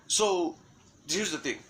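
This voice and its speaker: A man's voice: high-pitched, sharp tone, a little hiss or hum, rough recording. A man in an unscripted monologue, rambling through restarts and fillers and swearing often. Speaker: self-styled messenger giving a prophecy.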